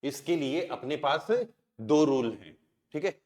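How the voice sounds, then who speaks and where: A man's voice: a little high, measured pace, darkish tone, reverberant. A man with an Indian accent teaching a language class. He keeps asking the students questions and answering them himself. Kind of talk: classroom lesson.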